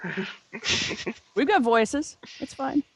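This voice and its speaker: A woman playing a tabletop role-playing game, playful and quick to laugh. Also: sits high, lively intonation, gravelly, a little mellow. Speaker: player. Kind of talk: casual tabletop game chat.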